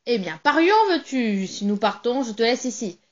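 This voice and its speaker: A woman voicing a hearty, tipsy male sailor who talks loud and jovial. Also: a little high, lively intonation, moderate pace, lo-fi sound, close to an everyday voice.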